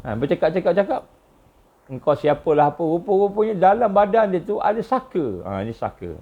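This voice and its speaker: Malaysian guy preaching a lecture, repeats himself a lot, goes up high for emphasis, kinda muffled lo-fi audio. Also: very animated, brisk, breathy edge. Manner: repetitive, emphatic, voice rising high on key points. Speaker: religious lecturer. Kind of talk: religious lecture with storytelling.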